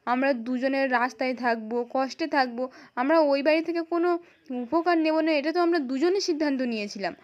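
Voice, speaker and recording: A stern young husband with a West Bengal accent, quick to anger, as a woman narrator reads him. The voice stays high and quick, scolding and commanding. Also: dull audio, lightly acted. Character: stern young husband, male, hot-tempered.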